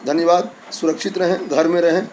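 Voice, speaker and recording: A man's voice: on the high side, flat delivery, brisk, a little hiss or hum, low-quality recording. A man teaching a lesson to school students, patiently reciting letters one by one and speaking to his pupils kindly. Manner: addresses pupils warmly, sends blessings.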